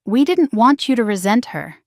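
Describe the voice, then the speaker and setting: A woman's voice: fairly high pitch, sing-song, normal speed, darkish tone, no echo, studio quality. A woman voicing an anxious, guilt-ridden middle-aged mother who talks in a pleading, placating way in a storybook drama.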